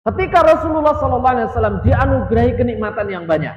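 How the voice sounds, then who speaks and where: High-voiced preacher in an echoey hall. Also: male voice, big pitch swings, very fast. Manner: asks the audience questions and answers them himself; mixes in Javanese words and light jokes. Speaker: ustadz teaching tafsir. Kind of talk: mosque study lecture. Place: mosque hall. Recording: dull, echoey hall sound.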